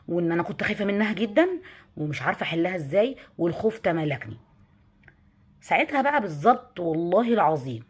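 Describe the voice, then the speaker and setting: An Egyptian woman talks straight to her listeners about a hard time she lived through. Her delivery is earnest and personal. She often pauses to recite scripture as reassurance. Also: mid-range voice. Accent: Egyptian Arabic. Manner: earnest, addresses the audience directly, recites verses. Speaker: religious motivational speaker. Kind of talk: personal testimony with faith advice.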